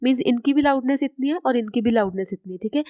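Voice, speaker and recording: A woman's voice: high-pitched, dark tone, no room sound. Woman teaching a science lesson. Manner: explains slowly, asks and answers her own questions; mixes English terms into Hindi. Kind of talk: classroom lecture.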